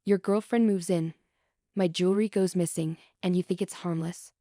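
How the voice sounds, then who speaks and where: A woman's voice: lowish voice, fairly even intonation, normal speed, warm tone, no room sound, clean studio sound, close to an everyday voice. A woman voicing an angry ex-wife who speaks coldly and with sarcasm. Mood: scornful. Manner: cold, sarcastic.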